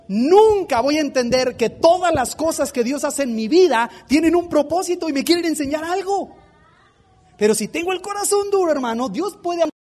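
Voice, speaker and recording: A man preaching an impassioned sermon as a pastor, full of rhetorical questions. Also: very high-pitched.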